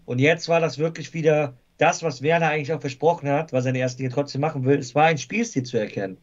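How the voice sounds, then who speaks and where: A man's voice: on the high side, fast, lo-fi sound. A man talking football casually as a guest fan, thoughtful and hesitant with frequent fillers.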